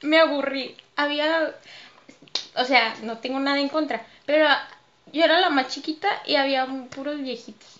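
A woman with a Mexican accent, a dancer and choreographer, telling stories as a podcast guest in a lively way, laughing often. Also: high-pitched, moderate pace, lo-fi sound, a little hiss or hum. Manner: lively, laughs often, acts out her own past remarks. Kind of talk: casual interview storytelling.

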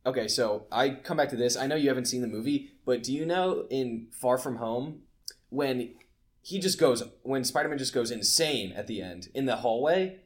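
A man's voice: medium pitch, normal speed. Young man, podcast co-host, casual chat, trails off. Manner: laid-back, trailing off mid-sentence.

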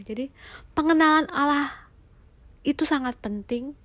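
A young adult woman giving a casual, earnest devotional talk, sometimes sinking to a soft near-whisper. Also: on the high side. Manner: warm, earnest, drops to soft near-whispers on heartfelt lines. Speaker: devotional speaker.

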